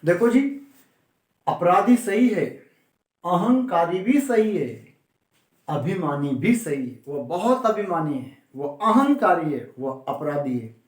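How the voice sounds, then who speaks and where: A man teaching grammar in a room with noticeable echo. His voice sits a bit high, and he stresses words firmly, drawing them out slowly as he repeats them. He keeps putting questions to the class and answering them himself. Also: animated. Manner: emphatic, repeats and drags out key words.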